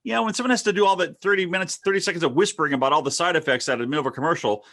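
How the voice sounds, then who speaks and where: A middle-aged man hosting a casual interview, talking in a quick, animated rush with many restarts and repeated words. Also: on the high side. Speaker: host, marketing consultant.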